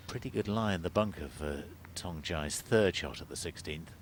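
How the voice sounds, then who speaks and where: Very deep-voiced man analysing live golf. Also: normal speed, slight background noise. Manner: analytical, conversational. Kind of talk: live sports commentary.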